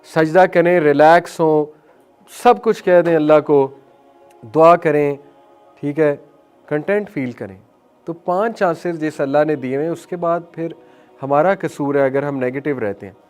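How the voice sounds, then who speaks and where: A man giving an earnest motivational religious talk, mixing English phrases into his speech and slowing down to recite phrases. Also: a little high, a little mellow, clear, resonant tone, faint music behind. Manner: earnest, mixes English phrases into Hindi-Urdu, slows to recite phrases. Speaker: Islamic speaker.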